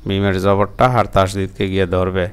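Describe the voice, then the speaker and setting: A man's voice: sits low, completely flat delivery, fairly quick, clean tone. A man teaching Quran reading, explaining plainly to the learner and sounding out Arabic syllables one at a time before chanting them drawn out.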